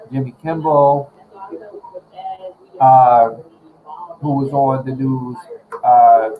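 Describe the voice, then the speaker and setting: A man's voice: mid-range voice, dark tone, low-quality recording. A man hosts a casual livestream, rambling through his recap. He leans on filler words and restarts, and talks with his mouth full. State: talking while eating. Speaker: livestream host.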